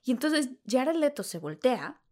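Mexican woman guest, animated storyteller, higher voice, acts out the scenes. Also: unhurried. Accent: Mexican Spanish. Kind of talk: storytelling anecdote.

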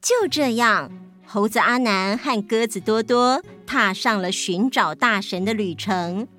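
Brief: gentle Taiwanese Mandarin narrator, unhurried, faint music behind. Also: female voice, mid-range voice. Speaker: storyteller host. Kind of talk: scripted narration.

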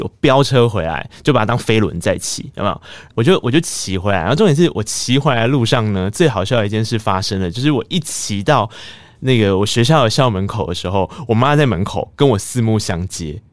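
Man, taiwanese mandarin accent, low voice, dry close mic, lively storyteller. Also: quick pace, no room sound. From Tainan, Taiwan. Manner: animated, laughing, jumps high when excited. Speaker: podcast host. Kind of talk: casual storytelling monologue.

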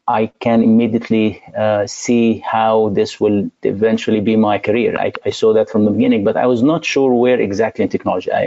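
A man from Egypt, a guest in an interview, speaking thoughtfully with frequent pauses and fillers. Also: on the low side, gravelly, mellow, lo-fi sound. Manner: thoughtful, pausing often with fillers. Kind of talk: interview conversation.

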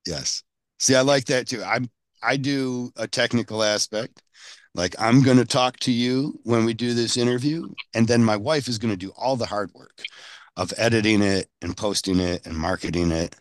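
A man's voice: medium pitch, dry recording. Rambling male podcast host. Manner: rambling, halting restarts. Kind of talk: casual interview.

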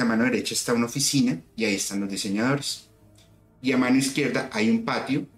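A man telling a story in casual conversation, recounting events in detail and acting out the dialogue. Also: medium pitch. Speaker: guest. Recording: echoey room with soft music.

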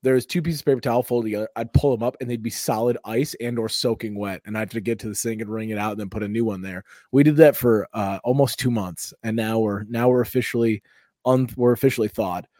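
A man on a podcast, chatting casually and telling rambling, animated stories. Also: lowish voice, fast talker, dry recording, clean studio sound. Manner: rambling, animated storytelling with put-on voices. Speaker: podcast host. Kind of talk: casual chat.

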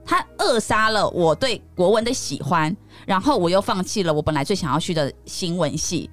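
Woman host, casual podcast talk, very lively pitch, emphatic. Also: moderate pace, soft background music.

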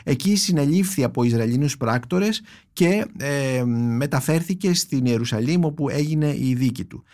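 Guy on a book podcast, reads a poem slow and thoughtful, then talks books with lots of little pauses, middle pitch. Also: lively intonation, darkish tone. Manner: measured, reflective reading with filler "ε" pauses. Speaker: podcast host, book critic. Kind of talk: reading a poem aloud, then book recommendations.

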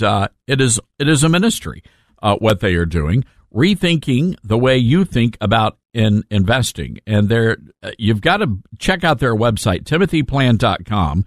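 A radio talk show host runs a conversational call-in show, speaking at medium pitch in a sardonic, joking and emphatic way. The recording is dry, with clean studio sound.

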